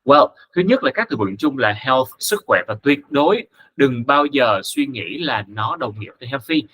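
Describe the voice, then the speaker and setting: A man, a native Vietnamese speaker, teaching an English lesson, reading model phrases slowly and carefully between quick explanations. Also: medium pitch, expressive, fairly bright tone, breathy edge, poor audio. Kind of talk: casual spoken lesson.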